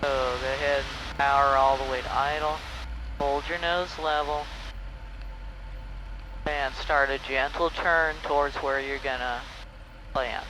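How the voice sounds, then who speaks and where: A man working as a flight instructor, explaining step by step how to handle a small airplane. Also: fairly high pitch. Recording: loud engine and cockpit noise.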